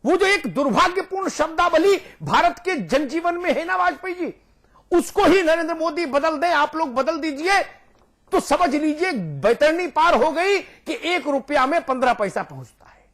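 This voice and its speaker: A man's voice: very high-pitched, lively intonation, moderate pace, fairly bright tone. A man speaking as a guest on a TV news debate, emphatic and rhetorical, repeating his points for force. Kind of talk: heated TV debate argument.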